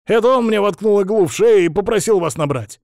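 A man's voice: measured pace, creaky, darkish tone, no room sound, studio quality. A man voicing a frightened, poisoned middle-aged boss who wheezes and chokes out his words in a strained voice. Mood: shouting. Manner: panicky and pleading, higher than the narrator. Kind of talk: audiobook character reading.

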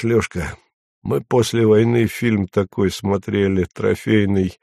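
Man doing a menacing villain, scornful, threatening, gravelly, audiobook character. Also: mid-range voice, a little mellow, dry recording, studio quality.

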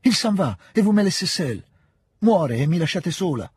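A man reading aloud, voicing a desperate young princess in a high, wailing tone. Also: sing-song, normal speed, a little mellow, breathy edge, no room sound, studio quality, exaggerated voice. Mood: despairing.

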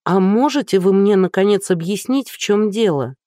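A woman's voice: medium pitch, expressive, moderate pace, dark tone, no echo, clean studio sound, pitched above the performer's own voice, natural voice. A reader voicing a flustered, anxious blonde woman in her thirties, firing off nervous questions. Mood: alarmed.

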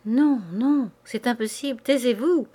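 A woman's voice: on the high side, measured pace, warm tone, pitched above the performer's own voice. A woman reading aloud, voicing a timid married society woman who refuses in breathless, faltering words. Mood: flustered.

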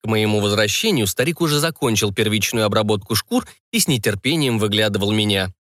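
A man narrating a fantasy audiobook in an expressive storytelling manner. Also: on the low side, a little fast, no echo, studio quality.

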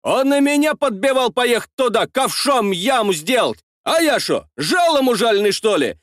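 A man's voice: extremely high pitch, sing-song, normal speed, a bit bright, no room sound, clean studio sound, pitched above the performer's own voice, heavily acted. Man doing an indignant rustic tractor driver. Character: village tractor driver man, hot-tempered and defensive.

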